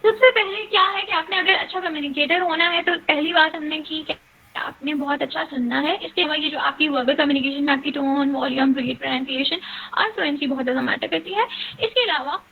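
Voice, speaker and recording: A woman's voice: sits high, a little fast, vocal fry, phone-quality sound. A young woman teaching a communication skills class in a chatty lecture style, often checking in with her listeners. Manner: chatty, mixes English phrases, repeats "ठीक है?" to check in.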